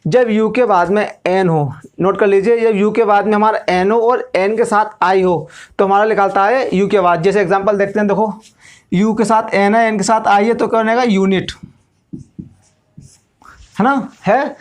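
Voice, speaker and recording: A man's voice: high-pitched, steady tone, normal speed. A male English teacher, giving a classroom lesson and explaining step by step, asking questions and then answering them himself.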